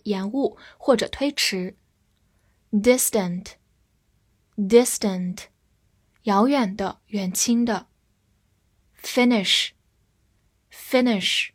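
A woman teaching English vocabulary, spelling each word letter by letter and repeating example sentences for learners. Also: on the high side. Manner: spells words out letter by letter, slow drilled repetition. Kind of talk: spoken vocabulary lesson.

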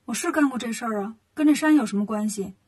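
A woman voicing a brash, hot-tempered monkey king in a storybook, quick and indignant. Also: on the high side, darkish tone, husky, recorded from a distance.

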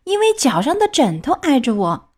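A woman's voice: high voice, huge pitch swings, moderate pace, darkish tone, pitched above the performer's own voice. A woman voicing a stubborn, whining wooden puppet boy who refuses his medicine. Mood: whiny stubborn. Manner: whining, bargaining.

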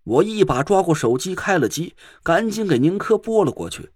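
A man narrating a first-person audiobook story with tense, animated storytelling. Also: sits high, moderate pace, breathy edge, no room sound, clean studio sound.

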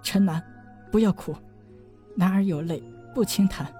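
一位女性在有声书中演绎一个温柔痴情、奄奄一息的年轻女子，说话轻柔断续，带着哭腔。. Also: female voice, mid-range voice, faint music behind, natural voice. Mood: weak, worried. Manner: soft, halting, tearful. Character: dying gentle young woman, tender and devoted. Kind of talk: audiobook drama reading.

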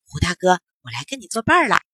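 A woman voicing a fearless, cheerful youngest brother who talks quickly in a children's story. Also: on the low side, wildly swooping pitch, a bit bright, breathy edge, dry recording, studio quality, heavily acted. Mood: cheery.

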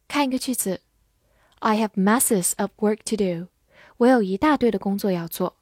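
A woman with Mandarin as her first language teaching English vocabulary in a scripted lesson, reading sentences slowly and spelling words letter by letter. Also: medium pitch, a little mellow, dry recording, studio quality. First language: Mandarin Chinese.

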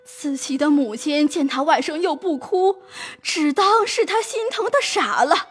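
A woman's voice: high-pitched, a little slow, soft background music. A woman playing a servant woman who pleads with her mistress and tells a long sad story. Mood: pleading. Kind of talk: audio drama acting.

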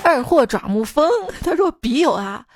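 A woman's voice: high-pitched, animated, normal speed, soft background music. A woman hosting a podcast, reading listener jokes aloud in a chatty, teasing way. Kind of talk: casual comedic reading.

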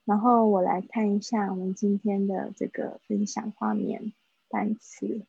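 A woman teaching English words in a live online lesson. She explains slowly and repeats each word for pronunciation. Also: medium pitch, flat delivery, gravelly, dark tone, slightly rough, no room sound. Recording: dull, dry livestream audio.

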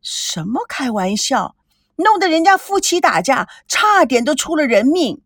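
Lady reading as a bossy young rich girl, high and sharp, dry close sound, scolding hard. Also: sing-song, unhurried, dry recording, exaggerated voice. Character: spoiled angry young rich woman interrogating. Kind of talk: audiobook character reading.

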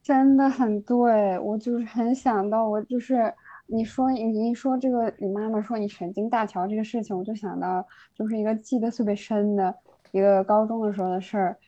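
A young woman recounting a school anecdote in lively casual podcast chat. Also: mid-range voice, moderate pace, no room sound. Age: young adult. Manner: animated anecdote telling. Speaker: podcast guest. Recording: dull lo-fi dry sound.

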